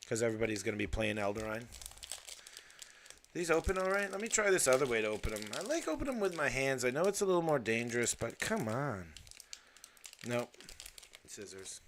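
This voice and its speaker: A man hosting a live card unboxing, chatting casually in a rambling way with fillers and excited exclamations. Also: mid-range voice, slight background noise.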